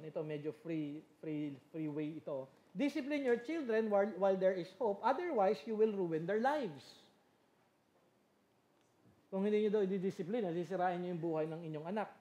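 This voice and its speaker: A woman's voice: medium pitch, warm tone. Middle-aged woman teaching in an echoey hall. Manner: mixes Tagalog and English, earnest, reads scripture aloud. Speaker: seminar speaker at a church parenting seminar. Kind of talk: teaching sermon. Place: church meeting room.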